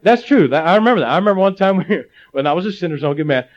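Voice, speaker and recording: A man's voice: high-pitched, rapid-fire. A middle-aged male pastor from Ohio preaching a sermon, telling stories with jokey asides. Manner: animated storytelling, jokey asides. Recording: slightly dull lo-fi audio.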